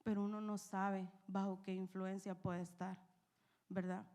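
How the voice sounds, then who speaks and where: A woman's voice: mid-range voice, level tone, a little slow, dark tone. A young woman preaching, telling a personal testimony with emotion and frequent "¿verdad?" asides. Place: church.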